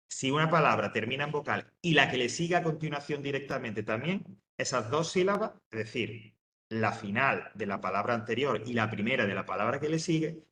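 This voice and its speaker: In a roomy-sounding space, a man with a mid-range, fairly bright voice lectures his students. He breaks things down step by step, keeps asking "¿vale?", and fills his speech with fillers and restarts.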